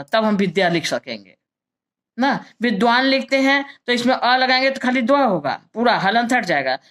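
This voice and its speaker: A woman teacher walks through a grammar lesson in a slightly high voice. She explains patiently, repeats each point, and checks in with her listeners as she goes. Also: fairly bright tone. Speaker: Sanskrit teacher.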